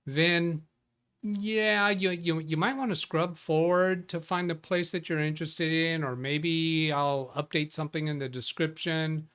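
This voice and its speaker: A man's voice: fairly high pitch, a bit bright. A man hosting a live tech show in a casual, chatty way, greeting viewers by name and often restarting his sentences. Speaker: livestream tech show host. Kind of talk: casual live-stream chat.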